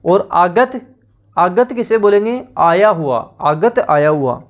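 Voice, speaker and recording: A man's voice: high-pitched, expressive, slow pace. A man teaching an exam-prep language lesson. He repeats each word several times and asks the class questions that he answers himself.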